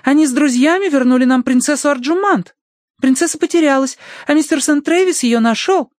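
A man's voice: fairly quick, no echo, clean studio sound. A man voicing a sweet, gushing young lady who slips into cooing baby talk, read as an audiobook character. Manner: high breathless gushing, lisping baby talk.

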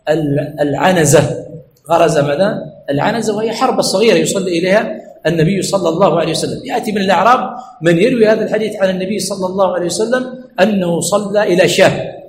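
A man's voice: sits high, fast talker. A man teaching a classroom lesson on hadith terms, constantly asking rhetorical questions and then repeating the answer himself. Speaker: sheikh teaching hadith terminology. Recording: echoey room with faint background noise.

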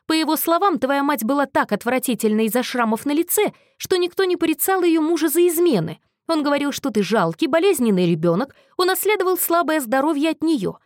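A woman's voice: sits high, sing-song, brisk, few pauses, dry recording, clean studio sound, voice pushed up. A woman voicing a volatile, bitter young man on the edge of breaking down, snarling and accusing in a raised voice. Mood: furious, accusing.

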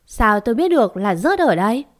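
A woman voicing a spiteful young servant girl who speaks in shrill, accusing tones. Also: very animated, brisk.

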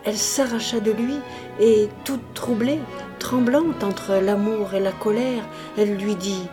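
A woman giving an expressive, dramatic audiobook reading of a classic novel, with music behind. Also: on the high side, measured pace. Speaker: audiobook reader.

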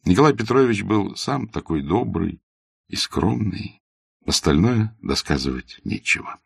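Deep, gravelly male audiobook narrator. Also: no room sound, studio quality. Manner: measured, even reading. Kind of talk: scripted literary narration.

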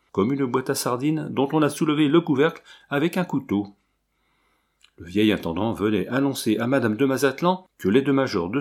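A man reads a nineteenth-century style novel aloud in steady, scripted narration. His voice sits at a middle pitch for a man. The reading is even and unhurried. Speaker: audiobook reader.

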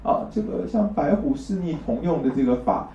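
A man lectures a traditional Chinese medicine class at normal speed, his slightly high, mellow voice full of lively intonation. He builds explanations step by step and often makes sure listeners agree. Captured from a distance, the roomy lo-fi recording carries slight background noise.

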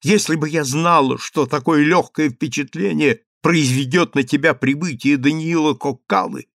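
A man's voice: expressive, a little slow, no echo, clean studio sound. A man reading an audiobook, voicing a proud young sultana who speaks in a commanding, indignant way. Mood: distraught. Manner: commanding, indignant, high-strung.

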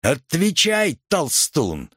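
A man voicing a frantic petty male clerk who squeaks with desperate bravado. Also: huge pitch swings, takes it slowly, a bit bright, dry recording, clean studio sound, heavily acted.

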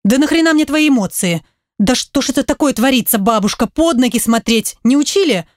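A woman doing a loud brash friend shouting down the phone. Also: high-pitched, animated, fairly quick, no room sound, studio quality. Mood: shouting, irritated. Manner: shouting, rude and impatient.

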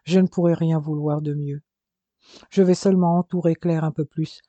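A man reading a soft, tender wife. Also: on the high side, steady tone, moderate pace, no room sound, lo-fi sound, close to an everyday voice. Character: tender, anxious young wife and mother.

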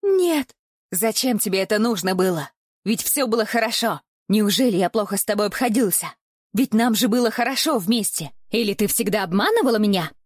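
A woman's voice: medium pitch, brisk, no echo, studio quality, lightly acted. A woman voicing a menacing male captor who speaks in a falsely tender, self-pitying croon, sometimes dropping to a whisper. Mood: accusing. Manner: soft crooning, at times whispering.

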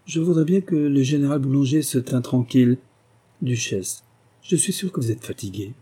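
A man reading an audiobook, voicing a brisk, impatient society hostess in a raised, emphatic voice. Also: medium pitch, dark tone, slightly rough, pitched above the performer's own voice, close to an everyday voice. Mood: chattering.

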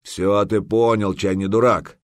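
A man's voice: on the low side, level tone, dry recording, lightly acted. Man doing a stern veteran warrior mentor. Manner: stern, measured, lecturing.

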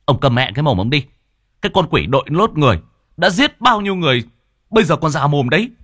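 A man voicing an angry villager in a mob, spitting fast curses. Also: on the high side, sing-song, a bit bright, dry recording, studio quality, pitched above the performer's own voice. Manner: fast, cursing, hot-tempered.

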